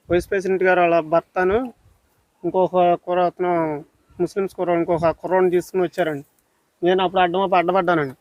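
A man's voice: sits high, no echo. A man hurriedly recounting a dispute to reporters outdoors, agitated and quoting others. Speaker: complainant. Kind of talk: rapid account to reporters.

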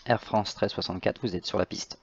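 A man's voice: fairly low pitch, steady tone, a little fast, gravelly. Male tower controller, slightly dull audio. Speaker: tower air traffic controller. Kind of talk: air traffic control radio phraseology. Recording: slightly dull, band-limited voice channel.

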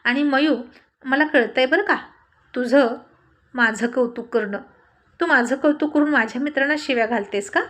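A mischievous grown husband full of cheeky jokes, read by a woman narrator, his voice pitched a little high. He speaks in quick banter, as if leaning in with a grin, in a spoken storybook. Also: fairly bright tone. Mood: teasing. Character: playful teasing husband, grown man.

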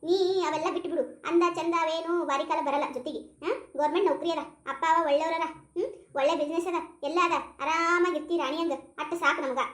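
A woman's voice: very high voice, steady tone, fast, a bit bright. A woman voicing a pushy middle-aged aunt who arranged the match, lecturing in a North Karnataka Kannada accent. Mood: coaxing. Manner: coaxing, lecturing. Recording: roomy echo.

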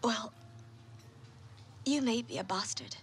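A frank, wry fiancée. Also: female voice, a little high, slow, a little hiss or hum. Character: engaged woman, candid and wry.

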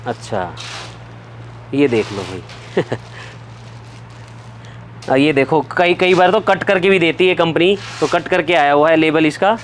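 A man's voice: on the high side, animated, slow pace, pauses often, a little hiss or hum. Upbeat man raving over clothes. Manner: upbeat, keeps praising and repeating "very nice". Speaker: vlog host touring a wholesale shop. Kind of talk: enthusiastic product walkthrough. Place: clothing warehouse, indoors.

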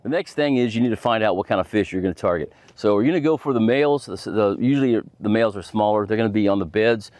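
Middle-aged fishing host, low-pitched and folksy, rambling how-to talk outdoors on a boat, dry close sound. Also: male voice, fast, hardly any pauses, a little mellow, dry recording. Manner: folksy, rambling, full of fillers. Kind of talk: casual instructional talk.

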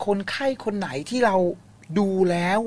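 A man hosting a ghost-story radio talk show, chatting casually and encouragingly with a caller, often humming along. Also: a little fast. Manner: warm, encouraging, many soft hums. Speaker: host. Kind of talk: casual chat.

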